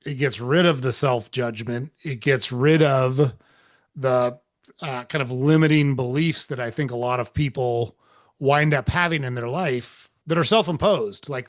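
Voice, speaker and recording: An earnest man lays out his views like a coach, as an interview guest. His voice sits at an ordinary pitch, and the recording is dry and close, with little room sound. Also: no echo. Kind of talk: reflective interview talk.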